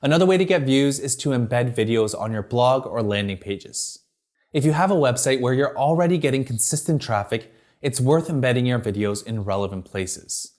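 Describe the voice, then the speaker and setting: This video marketing presenter, a man with a middle-pitched, darkish-toned voice, reads a scripted tutorial smoothly from a teleprompter. He speaks at normal speed with lively intonation, keeping each point clear, structured and upbeat.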